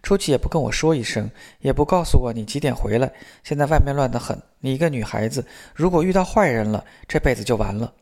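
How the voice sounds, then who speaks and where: A worried mother lectures her daughter, anxious and reproachful, sighing as she pleads. A man reads her part in a storybook reading, keeping his own middle-pitched voice. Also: lively intonation, fast talker, gravelly, few pauses, darkish tone. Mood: scolding.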